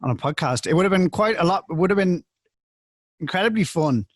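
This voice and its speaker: A man co-hosting a podcast, talking casually about a movie in a hesitant, halting way with many restarts. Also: high-pitched, animated, dry recording, studio quality. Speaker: podcast co-host. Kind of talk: casual movie review chat.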